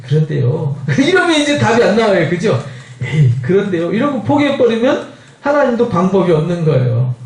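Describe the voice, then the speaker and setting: A man with a high-pitched voice that rises and falls a great deal teaches scripture in an animated lecture. He acts out dialogue with laughs and keeps throwing questions at the listeners. He is heard from a distance in an echoing church hall. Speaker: pastor. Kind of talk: lively Bible lecture.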